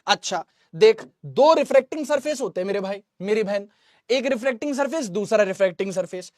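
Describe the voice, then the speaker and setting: Speaking a little fast in a high, expressive voice, a man teaches physics to exam students in a live online class. He jokes with comments from viewers and drills terms by asking them back, all in a dry, clean studio recording.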